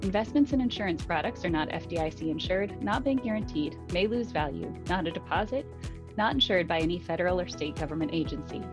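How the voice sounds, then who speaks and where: A low-voiced woman reads a scripted legal disclaimer as a formal announcer. Her delivery is measured, and music plays clearly underneath her. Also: lively intonation.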